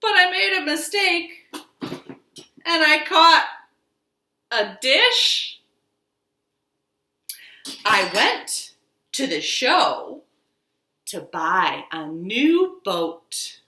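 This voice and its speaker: A library storytime host leads a children's session from her living room, with action songs, rhymes, and picture-book reading. Her voice is high and very slow, with frequent pauses, and her sing-song delivery is exaggerated and expressive for young kids. The room sounds echoey.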